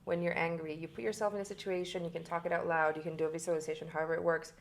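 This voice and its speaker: A woman's voice: on the low side, little pitch movement, very fast, slight background noise. A woman who works as a somatic intimacy coach, explaining her work in an earnest way during a casual conversation.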